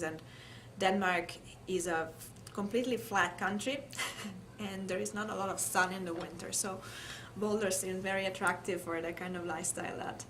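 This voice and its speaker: An Italian woman with an Italian accent thoughtfully recalls her life during an oral history interview. Her voice sits on the low side and is a bit bright, though the audio is poor, with clear background noise and room ambience.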